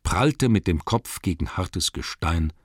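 A man narrating a storybook in a measured, dramatic reading, slowing down for emphasis. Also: sits low, animated, no room sound, studio quality. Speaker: audiobook narrator.

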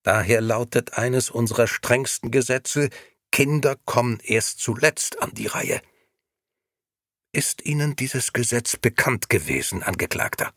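Guy doing a cold harsh judge of grey time thieves, audiobook, gravelly edge. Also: mid-range voice, measured pace, no room sound, studio quality. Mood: stern. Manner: sharp, cold interrogating. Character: stern presiding judge of the grey gentlemen, male.

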